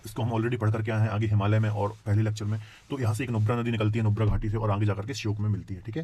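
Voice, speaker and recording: Fast-talking Hindi geography teacher. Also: male voice, fairly low pitch, a little mellow. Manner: checks in constantly with rhetorical questions; addresses students as children. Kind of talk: exam-prep lecture.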